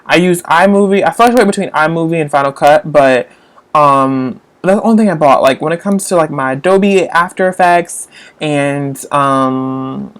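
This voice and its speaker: A man's voice: fairly high pitch, moderate pace, a bit bright, clear, resonant tone. A young man hosting a casual live stream, chatting with viewers while getting frustrated with his tablet and phone. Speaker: livestream host.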